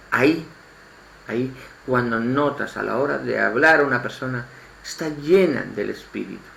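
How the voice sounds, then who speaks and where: A man from Spain with a Spanish accent giving an informal spoken sermon, halting and restarting his phrases and repeating words as he goes. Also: medium pitch, creaky, a bit bright, a little hiss or hum. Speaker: lay preacher. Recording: echoey room, faint ambience.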